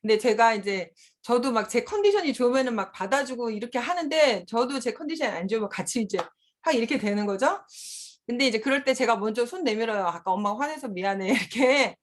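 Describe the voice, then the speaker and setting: A woman's voice: fairly high pitch, expressive, quick pace. A middle-aged woman speaking candidly at a seminar as a mother and school principal, often laughing while she talks. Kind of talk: conversational seminar talk.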